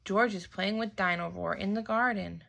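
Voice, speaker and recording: A woman reading a picture book aloud to young children in a slow, expressive way. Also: mid-range voice, vocal fry. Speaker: storybook reader.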